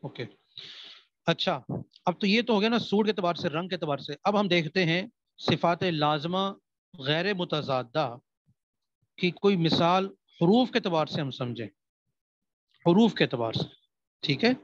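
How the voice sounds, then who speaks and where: Man teaching a classroom recitation lesson, pitched a bit high, quizzing students, close dry and slightly muffled sound. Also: lively intonation, long pauses, no room sound. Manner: repeats questions and answers them, checks understanding.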